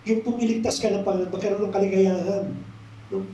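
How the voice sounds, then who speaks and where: A man with a Filipino accent, a pastor telling a story in a sermon and slowing down to stress key words. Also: high-pitched, steady tone, dark tone, muffled recording. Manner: mixes English into Tagalog, slows for emphasis. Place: church hall. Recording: echoey room, mic at a distance.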